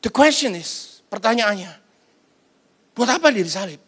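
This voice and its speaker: High-voiced man preaching conversationally. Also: animated, moderate pace, fairly bright tone, slightly rough. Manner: conversational, colloquial preaching with slang; acts out quoted voices in passing. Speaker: pastor. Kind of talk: sermon at an online prayer service.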